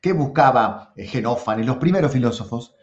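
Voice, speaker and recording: Animated Rioplatense man teaching philosophy. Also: mid-range voice, moderate pace, roomy sound, muffled recording. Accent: Rioplatense Spanish. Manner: animated, addresses viewers directly, repeats words for emphasis. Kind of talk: lively lecture to camera.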